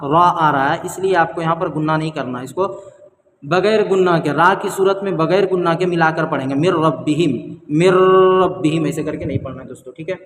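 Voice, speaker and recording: A man teaching the rules of Quran reading, explaining step by step, asking and answering his own questions, and chanting the verses slowly. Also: a little high, a bit bright, reverberant, big-room sound, slight background noise.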